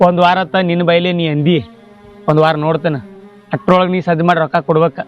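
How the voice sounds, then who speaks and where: An actor playing a stern elder brother who lent money, speaking with a North Karnataka accent in a threatening way. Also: male voice, a little high, flat delivery, quick pace, close to an everyday voice. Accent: North Karnataka Kannada. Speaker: angry elder brother in a village drama. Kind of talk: short-film acting. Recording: slightly dull audio, faint music.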